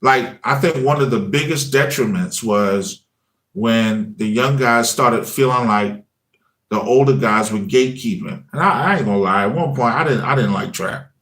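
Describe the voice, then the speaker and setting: A man's voice: medium pitch, moderate pace. A man in his forties in a casual, conversational telling of his story, with loose chatty phrasing and lots of "you know what I mean" fillers. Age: 40s. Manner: acts out his own past words in lively quoted asides. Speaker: former high school teacher and music channel creator.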